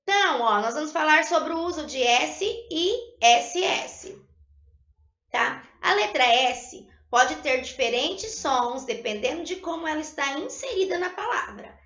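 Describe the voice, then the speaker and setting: The lo-fi recording, full of roomy echo, captures a Portuguese spelling lesson led by a woman whose high, bright voice carries a gravelly edge and lively intonation. She is patient, sounds syllables out slowly and clearly, and keeps ending sentences with "tá?".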